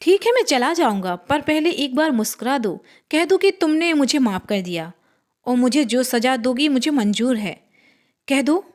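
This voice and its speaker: Brief: pleading young man, read by a woman, high-pitched, apologetic, horror storybook. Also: animated, moderate pace. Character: young man pleading with his angry lover.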